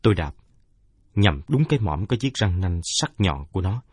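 A man narrating a first-person story in a steady, measured way. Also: low-pitched, breathy edge, dry recording, clean studio sound.

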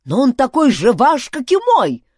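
A woman's voice: medium pitch, wildly swooping pitch, a little slow, a little mellow, slightly rough, dry recording, studio quality, pitched above the performer's own voice, heavily acted. A woman voicing a stubborn man who protests and argues with raised voice. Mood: protesting. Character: stubborn determined man, adventurer.

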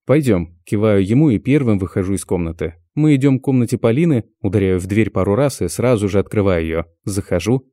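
A man calmly narrating a first-person novel as an audiobook reader. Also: fairly low pitch, fast talker, hardly any pauses, no echo, clean studio sound.

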